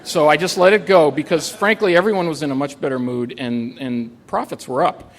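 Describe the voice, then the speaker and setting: A man's voice: fairly high pitch, brisk. A man telling a true story on stage at a live event, with a wry, dry humor and frequent "uh" fillers. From United States.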